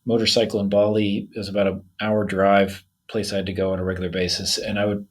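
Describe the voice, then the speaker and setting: Husky-voiced male podcast host. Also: on the low side, fast. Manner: relaxed, chatty, storytelling with quotes. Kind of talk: casual interview chat.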